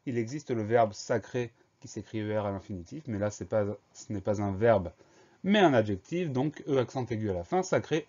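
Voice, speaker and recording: A man's voice: mid-range voice, a little mellow, muffled recording. A man teaching a spelling lesson, explaining each word patiently and spelling it out letter by letter.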